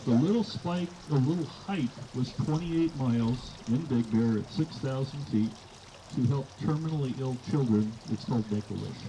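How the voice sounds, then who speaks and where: Behind clear background noise, a middle-aged man gives a father-of-the-bride wedding toast. His pitch sits in an ordinary male range, and he tells family stories in a folksy, informal way, acting out bits of dialogue. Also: normal speed.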